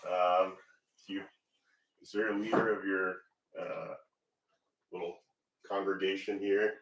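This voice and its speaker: Brief: very deep, slow male player, hesitant, roomy and distant, music behind. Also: level tone, creaky, fairly bright tone. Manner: hesitant, halting, many ums. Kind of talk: playing a tabletop game.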